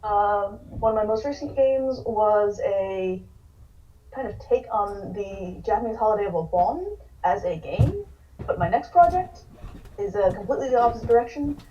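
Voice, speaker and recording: A woman from California, a game designer, introducing herself hesitantly with many pauses. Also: medium pitch, animated, mellow, slight background noise. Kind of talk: casual panel self-introduction. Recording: distant, dull lo-fi call audio.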